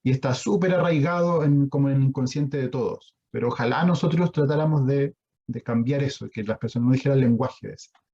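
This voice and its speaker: A man's voice: medium pitch, a little fast, mellow, slightly rough, muffled recording. A man with a Chilean accent giving an online lecture on sign language, explaining patiently and putting questions to his audience over a video call.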